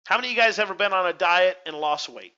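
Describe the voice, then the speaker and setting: A man's voice: high-pitched, quick pace, pushed and bright, clean tone, lo-fi sound. A man hosting a motivational webinar, talking conversationally and putting direct questions to his audience. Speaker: webinar host.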